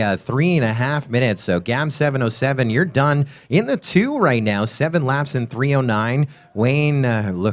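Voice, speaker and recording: Man calling a drone race. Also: medium pitch. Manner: rapid play-by-play with sponsor reads. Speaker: race announcer. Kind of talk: live race commentary.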